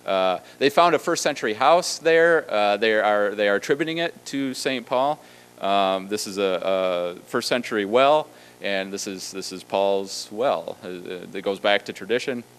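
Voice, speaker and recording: A man, a theology professor, giving a lively storytelling lecture with a conversational, animated manner and frequent asides. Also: on the low side, a little slow, clean tone.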